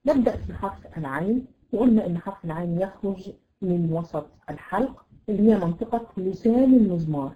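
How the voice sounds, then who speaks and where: Woman, Egyptian accent, quick speech, tajweed teacher, models letter sounds slowly, patient explanations. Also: medium pitch, warm tone, low-quality recording. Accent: Egyptian Arabic. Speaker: Quran recitation teacher. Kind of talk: online tajweed lesson to women students.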